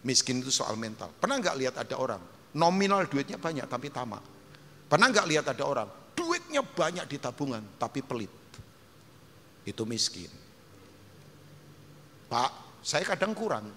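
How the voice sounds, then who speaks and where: Male pastor, Indonesian accent, lively sermon, very bright voice, echoing church hall. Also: mid-range voice, a little fast. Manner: animated, emphatic, mixes English phrases, acts out quotes. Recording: long hall reverb, faint noise.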